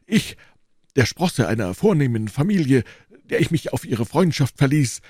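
A man's voice: mid-range voice, sing-song, moderate pace, a little mellow, husky, dry recording, clean studio sound, voice pushed up. A man voicing a proud, boastful nobleman musketeer in a storybook reading, pompous and declamatory. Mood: aggrieved boastful.

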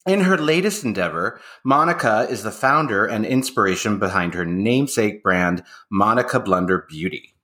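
A man's voice: lowish voice, expressive, moderate pace, sharp tone. A man hosting a podcast interview, reading a guest introduction and then chatting loosely with filler words. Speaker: podcast host, makeup artist. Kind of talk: conversational interview.

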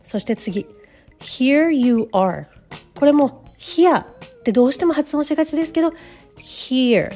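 A woman's voice: high-pitched, lively intonation, fast talker, mellow. A woman teaching English pronunciation, patiently demonstrating each sound step by step, with faint music behind her.

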